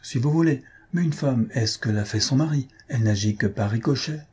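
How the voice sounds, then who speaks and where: Male reader playing a cool, ironic young countess, smiling through it, pitched up. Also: brisk, darkish tone, breathy edge. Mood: amused. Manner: light, amused, unruffled.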